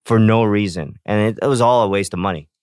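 A man in casual chat who tells stories with animated acted-out reactions. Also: lowish voice, fast, clear, resonant tone, dry recording, studio quality. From South Korea. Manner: animated storyteller, acts out reactions.

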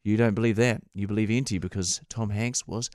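A man's voice: on the low side, fairly even intonation, a little fast, a little mellow, no echo, clean studio sound. Wry New Zealand man hosting a podcast. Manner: joking, wry banter. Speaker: podcast host. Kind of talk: casual chat.

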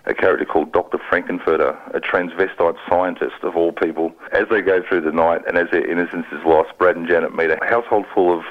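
A man's voice: deep voice, level tone, fast talker, hardly any pauses, narrow, tinny audio. A man casually sharing film trivia as a radio review presenter.

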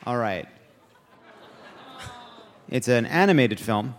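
A man's voice: medium pitch, lively intonation, slow, a faint crowd, slight background noise. A man hosting a live comedy podcast on a theater stage, running a quiz game with a wry, teasing manner. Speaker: host. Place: large theater stage before an audience. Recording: live theater with long reverb.

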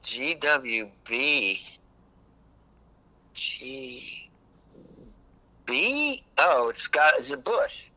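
Over a buzzy, glitchy phone line, a man calls in to play an on-air quiz, hesitantly guessing answers and swearing mildly. His mid-range voice swings widely in pitch and sounds pushed and bright, coming out extremely slowly with long pauses in this casual phone chat.

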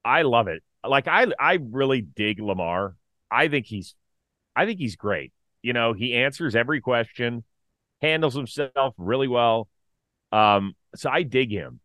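A middle-aged man co-hosting a casual sports talk show, animated and opinionated, full of quick asides. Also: mid-range voice, no room sound. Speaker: podcast co-host.

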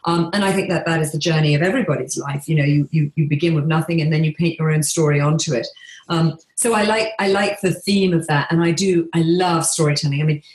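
Low-pitched middle-aged english woman, thoughtful pauses, echoey room. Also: darkish tone. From England. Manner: measured, with frequent um and restarts. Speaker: interior designer and author being interviewed. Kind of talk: reflective interview talk.

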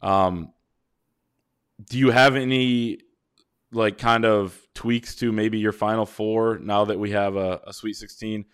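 Male podcast host, lowish voice, relaxed analyst talking through the games at length. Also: smooth. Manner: measured, builds long points with fillers. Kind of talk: casual sports analysis chat.

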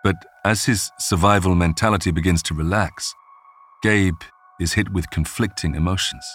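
A man narrates in a steady, scripted documentary style. His voice sits very low and deep. Soft music plays quietly beneath him. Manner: measured, even storytelling delivery. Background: faint music.

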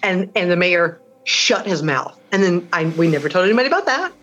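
A woman recounting a confrontation in an emotional interview, blunt and animated, swearing and acting out what people said. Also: on the low side, fairly quick, dull audio. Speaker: interviewee, local radio host. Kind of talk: emotional personal storytelling.

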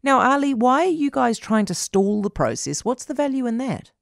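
A woman hosting a radio talk interview, brisk and outspoken. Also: a little high, big pitch swings, creaky, dry recording, studio quality. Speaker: radio host.

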